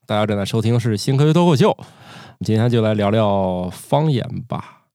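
A man's voice: lowish voice, lively intonation, moderate pace, mellow, dry recording, clean studio sound. A man from Northeast China hosting a casual podcast chat, joking and laughing often. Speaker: podcast host.

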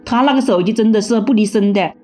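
A woman in her fifties recounting her own life in a casual, halting way, often repeating words as she speaks. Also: medium pitch, mellow, faint music behind. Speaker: interviewee, mother. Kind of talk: casual personal recollection.

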